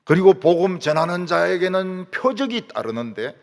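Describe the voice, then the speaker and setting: A man's voice: sits high, big pitch swings, normal speed, gravelly, darkish tone. A male pastor delivering a sermon with emphatic rhetorical questions, recorded in a church hall. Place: church sanctuary. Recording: long reverb of a church hall.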